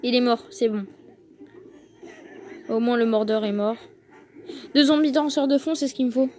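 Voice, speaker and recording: A woman giving casual gameplay commentary, excitable and fretful, thinking aloud to her viewers. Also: on the high side, moderate pace. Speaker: gaming video host. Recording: noticeable background noise.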